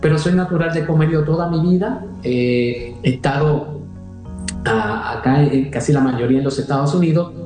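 A man's voice: fairly high pitch, normal speed, a little mellow, very echoey, faint music behind, low-quality recording. A religious brother in his fifties, speaking in a conversational interview with frequent hesitations and restarts. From Puerto Rico. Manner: hesitant, many restarts and fillers.

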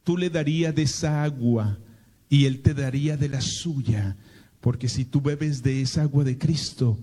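A Colombian priest with a paisa accent from Medellín preaches a sermon, telling a slow, dramatic personal story packed with rhetorical questions. His male voice is warm and medium in pitch.

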